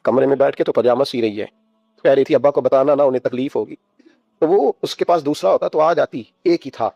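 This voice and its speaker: A man voicing a grieving mother who softly explains her family's hardship, quoted within a sermon. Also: medium pitch, creaky, no echo, lo-fi sound. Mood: sorrowful.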